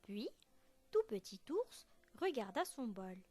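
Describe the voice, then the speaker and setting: A woman teacher reading a children's story aloud in a slow, expressive storytelling voice. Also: on the high side, faint music behind.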